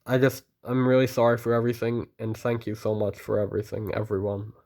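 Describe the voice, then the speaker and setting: A man's voice: mid-range voice, completely flat delivery, brisk, darkish tone. A teenage boy vlogging alone in a casual monologue, earnest and rambling as he thanks people and apologizes. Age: teens. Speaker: student vlogger.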